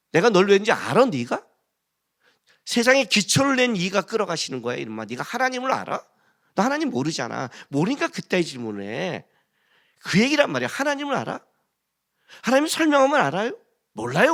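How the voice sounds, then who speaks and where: Pastor, middle-aged man, lively high-pitched sermon delivery, keeps challenging the pews with questions. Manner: animated, rhetorical questions to the congregation, acts out quoted voices.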